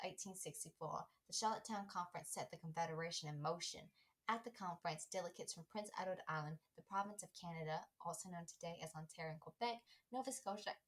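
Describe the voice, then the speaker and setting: Dramatic female history narrator, Texas accent, put on by a woman, lowish pitch, scripted and emphatic. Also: lightly acted, poor audio. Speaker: history presenter.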